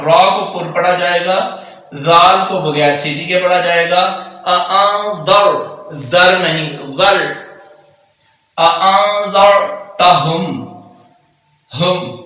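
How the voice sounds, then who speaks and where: A man teaches Quran recitation, switching between quick explanations and slow, drawn-out recitation. His voice is high and bright. It sounds very echoey, picked up from a distance. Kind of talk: tajweed lesson, explaining and reciting slowly. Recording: very echoey room, distant mic.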